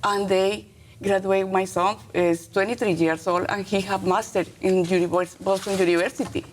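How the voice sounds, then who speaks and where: A middle-aged woman with a Colombian accent answers interview questions as a teacher. She speaks halting, earnest English in short, emphatic phrases, her pitch ordinary for a woman. A faint noise sits behind her voice. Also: fairly even intonation. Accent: Colombian Spanish. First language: Spanish.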